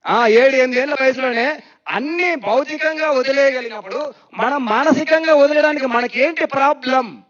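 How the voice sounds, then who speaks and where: Spiritual speaker, man, very high voice, lively, asks the crowd questions, dull lo-fi recording. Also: moderate pace. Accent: Telugu. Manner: lively, questioning, repeats phrases for emphasis. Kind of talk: meditation discourse. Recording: dull lo-fi sound.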